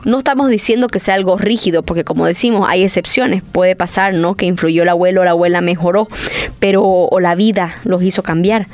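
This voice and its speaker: A woman's voice: fairly low pitch, fairly even intonation, a little fast, darkish tone, no room sound. Casting: woman radio co-host, earnest and explanatory, voseo speech. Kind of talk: conversational radio talk.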